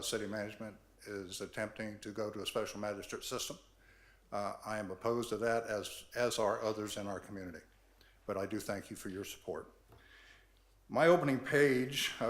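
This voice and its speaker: An older man addressing a city board about his property, earnest and measured, reading from his notes. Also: on the low side, a bit bright. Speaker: property owner at hearing. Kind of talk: public comment at board meeting. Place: council chambers. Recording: echoey chamber.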